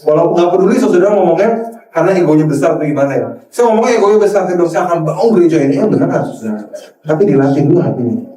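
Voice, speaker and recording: A man preaching a lively sermon, mixing in English phrases and acting out quoted dialogue with sudden high-pitched jumps. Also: very fast. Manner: mixes English phrases into Indonesian, addresses the crowd as saudara. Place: church hall. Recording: echoey church hall from far off.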